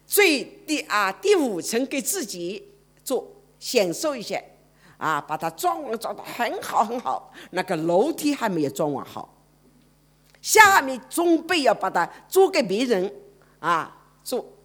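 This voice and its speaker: Woman preacher, lively storytelling sermon with a very animated pitch. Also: unhurried. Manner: dramatic, swings from loud to hushed.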